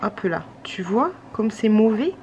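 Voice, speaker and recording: With a mid-range, darkish voice that swings widely in pitch, a woman speaks at a measured pace on dull-sounding audio. She's a tired, slightly sick vlogger rambling to camera at home late at night, full of fillers and restarts, while a breast pump hums as she pumps milk.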